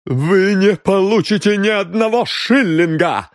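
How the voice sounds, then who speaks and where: Man doing a shrill furious older lady. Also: unhurried, dry recording, clean studio sound. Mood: desperate. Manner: shrieking, indignant outbursts. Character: furious middle-aged woman, shrill and defiant.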